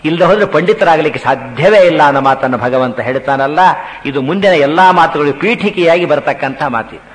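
A man giving a religious discourse, telling scripture stories with humor and chanting verses slowly. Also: a little high. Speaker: religious speaker. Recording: hall with long reverb.

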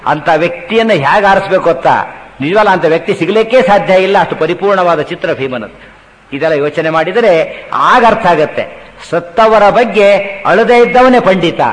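A man giving a religious discourse, telling scripture stories with humor and chanting verses slowly. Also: sits high. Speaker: religious speaker. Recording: hall with long reverb.

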